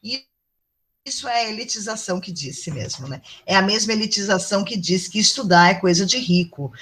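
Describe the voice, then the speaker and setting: A woman's voice: mid-range voice, brisk, fairly bright tone, slight background noise. Brazilian woman lecturer on a video call, chatty and affectionate, keeps checking in with students. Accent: Brazilian Portuguese. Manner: chatty, affectionate, asks the class "tá bom?". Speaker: teacher. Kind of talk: online university lecture.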